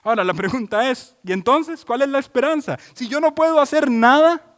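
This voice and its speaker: A man delivers an expository sermon in a notably high voice. He preaches emphatically, stacking repeated phrases and turning to the congregation with questions. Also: brisk, in a large hall. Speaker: pastor.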